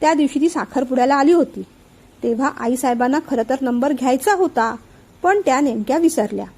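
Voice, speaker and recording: A woman's voice: high-pitched, brisk, a little mellow, breathy edge. Woman reading as a flustered, evasive uncle. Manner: nervous, evasive.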